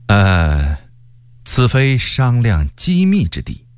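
A man voicing a haughty, scheming male court eunuch with a shrill laugh and a drawling, arrogant manner. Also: wildly swooping pitch, slow, clear, resonant tone, dry recording. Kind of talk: storytelling character voice.

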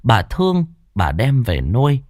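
A man's voice: mid-range voice, wildly swooping pitch, measured pace, no room sound, studio quality. A man narrating a ghost story in a dramatic, storytelling way.

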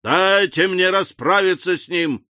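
A stout old country squire who is quick to temper barks orders in a booming voice. A male narrator puts him on in a classic novel reading. The voice sits a bit high and dry. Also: animated, bright, forceful tone, no echo. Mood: furious. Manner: booming, commanding.

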